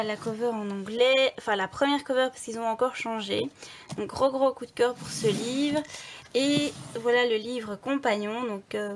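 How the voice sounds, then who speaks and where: A woman's voice: on the high side, a little hiss or hum. Chatty young woman touring her bookshelf. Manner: chatty, hesitant with frequent fillers and restarts. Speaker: book blogger. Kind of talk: casual bookshelf tour vlog.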